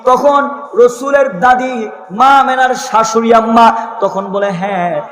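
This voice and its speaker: A high-pitched man from Bangladesh preaches a sermon, sliding into a loud, drawn-out chanting cadence as he tells a story. His voice rings through a big echoing hall with a long tail of reverb, heard from a distance over a PA. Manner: sing-song preaching that rises into loud sustained chanted lines; tells a story, voicing its people in quoted lines.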